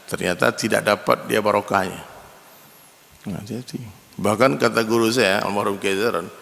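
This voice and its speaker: Speaking at a moderate pace in a fairly low, gravelly and forceful voice, an Indonesian-accented man delivers a lively, story-filled sermon. He keeps turning to the men listening and calling them "Pak", and a long reverb suggests a large hall.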